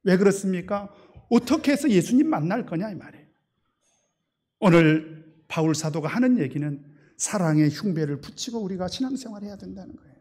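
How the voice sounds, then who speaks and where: A male pastor delivers a sermon in a high voice. He is emphatic and swings between loud and soft. He often poses rhetorical questions and leads the congregation in reading. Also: lively intonation, a little fast, slightly rough.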